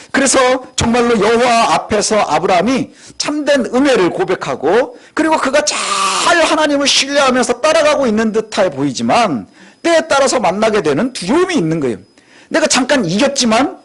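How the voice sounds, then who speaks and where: Husky high-voiced male preacher. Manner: rhetorical questions, expressive storytelling. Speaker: pastor. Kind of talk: sermon.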